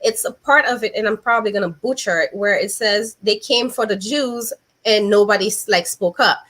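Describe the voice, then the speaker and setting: A woman's voice: mid-range voice, normal speed, a bit bright. A young woman hosting a casual video-call interview, speaking thoughtfully and building her points step by step. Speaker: host.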